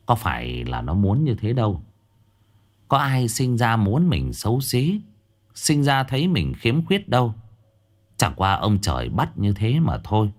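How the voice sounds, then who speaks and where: Male horror narrator, low and expressive. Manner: dramatic, drops pitch for suspense. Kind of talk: scripted narration. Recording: faint background music.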